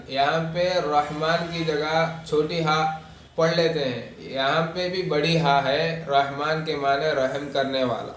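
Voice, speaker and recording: A male religious teacher, explaining pronunciation in a Quran recitation lesson and reciting verses slowly and drawn out. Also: on the high side, a little hiss or hum. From India. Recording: echoey room, distant mic.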